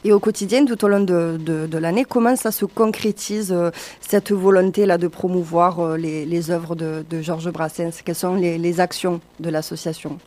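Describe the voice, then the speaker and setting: A woman hosting a radio interview, asking friendly, somewhat halting questions. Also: lowish voice, steady tone, a little mellow. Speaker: radio host.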